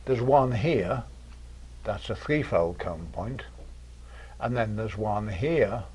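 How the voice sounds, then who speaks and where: A man giving an informal university math lecture, pausing often with ums and uhs and adding dry humor. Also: fairly low pitch, a little mellow, husky, dull audio. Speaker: mathematics professor lecturing. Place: lecture room with audience.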